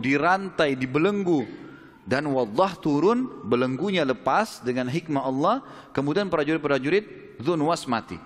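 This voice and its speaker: A male preacher narrating a historical story in a lively sermon, repeating key phrases for emphasis. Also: a little high. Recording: long hall reverb.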